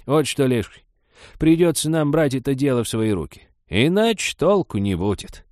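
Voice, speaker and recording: A man's voice: mid-range voice, expressive, moderate pace, a little mellow, dry recording, studio quality, voice pushed up, lightly acted. A man putting on a pushy old village woman. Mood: bossy. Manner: pushy, scornful.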